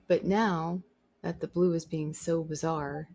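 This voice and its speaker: With a low-pitched, mellow voice and steady tone, a woman vlogger speaks a little slowly in an opinionated monologue to camera, stressing her points through emphatic repetition.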